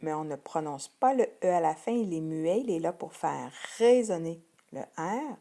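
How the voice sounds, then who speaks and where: A middle-aged woman with a Québécois French accent, teaching children a vocabulary list slowly and patiently, repeating each word carefully. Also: low-pitched, expressive, warm tone.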